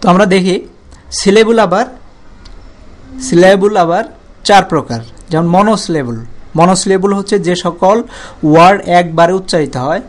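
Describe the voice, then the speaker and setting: A man teaching a grammar lesson, drawing words out slowly to break them into syllables, with frequent pauses and restarts. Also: high voice. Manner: repeats and stretches words slowly to show syllables.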